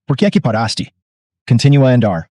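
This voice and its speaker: A man's voice: mid-range voice, big pitch swings, brisk, dark tone, dry recording. Brief: scared young cheating girlfriend, read plainly by a male narrator, dry close mic. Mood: anxious. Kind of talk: recap narration quoting dialogue.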